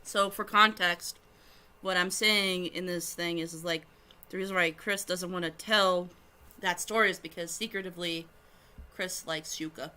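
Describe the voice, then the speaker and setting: A woman's voice: lowish voice, steady tone, normal speed, pushed and bright, clear, resonant tone. A woman streamer reading her fan fiction aloud, giggling and breaking off to explain to friends.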